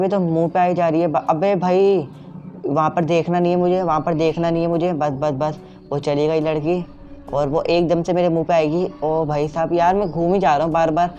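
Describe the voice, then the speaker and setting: A young man talks through a horror game in a slightly high, flat voice, jumpy and quick to cry out in alarm. The sound is dull and lo-fi, with faint game music underneath. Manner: jumpy, repeats filler words, startled outbursts. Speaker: gameplay streamer.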